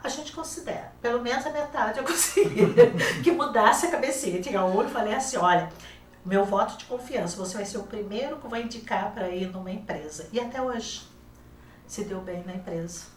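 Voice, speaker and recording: Guesting on a TV program as an author and teacher, an older woman with a Brazilian Portuguese accent casually relates classroom stories, performing the quoted dialogue with liveliness. Her mid-range voice is a little fast, and the distant studio mic makes it sound roomy and off-mic.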